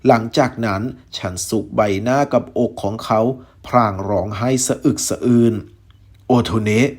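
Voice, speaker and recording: A man reading a novel aloud as a storyteller, in a steady, measured way. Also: lowish voice.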